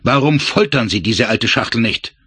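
A man voicing a blustering, resentful male Nazi officer who talks loudly and sneers. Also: medium pitch, lively intonation, moderate pace, husky, dry recording, voice pushed up. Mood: sneering. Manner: loud, sneering, indignant.

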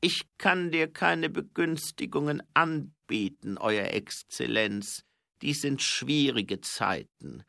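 A man voicing an old dwarf king who speaks slowly, high and loud, drawing out his words. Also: big pitch swings, gravelly, no echo, studio quality, exaggerated voice. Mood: probing, weary. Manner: slow, high and loud, drawn-out.

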